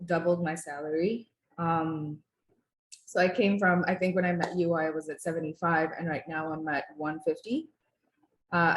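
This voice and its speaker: A woman's voice: low voice, roomy sound, rough recording. A woman in her twenties from Uganda, telling her story as a client in a casual testimonial interview, talking conversationally with many fillers and restarts. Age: 20s.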